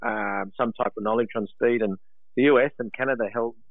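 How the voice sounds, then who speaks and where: A man's voice: mid-range voice, steady tone, brisk, gravelly, no echo. An Australian man talking in a plain, colloquial, matey way as a guest in a casual interview over the phone. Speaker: guest, sprint coach. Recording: tinny phone line.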